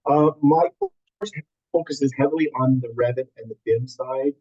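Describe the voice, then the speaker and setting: A man's voice: medium pitch, moderate pace, mellow, husky, no echo. A male instructor introducing his course on a video call, hesitant with fillers, his microphone muffled so he sounds underwater. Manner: hesitant, with many fillers and restarts. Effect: muffled, gurgling underwater-sounding microphone. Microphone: computer microphone on a video call.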